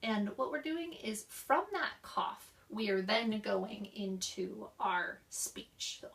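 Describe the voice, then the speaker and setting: A woman's voice: medium pitch, vocal fry, a bit bright, far from the mic. A young woman explaining voice therapy exercises and demonstrating them herself. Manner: demonstrates exercises with coughs, sighs and slow linked speech. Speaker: voice instructor.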